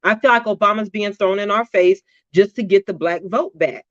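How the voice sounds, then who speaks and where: A woman co-host talking politics in a measured, opinionated way. Her voice sits in a middle range. The audio is dry and a little dull, like an online call. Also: medium pitch, no room sound. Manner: deliberate, opinionated, builds arguments. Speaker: podcast co-host. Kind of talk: casual political discussion.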